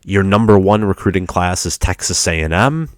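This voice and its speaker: This congested young man speaks low and animated at normal speed, with a clean tone. He's a sports vlogger with a cold, chatting as a fan about college football recruiting with frequent restarts, recorded in studio quality with no echo.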